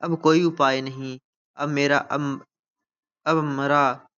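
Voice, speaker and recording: A man voicing a male personification of India who grieves and laments, reading the lines slowly and mournfully. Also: a little high, little pitch movement, fairly bright tone, smooth, dull audio. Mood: terrified. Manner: slow mournful recitation of dramatic text.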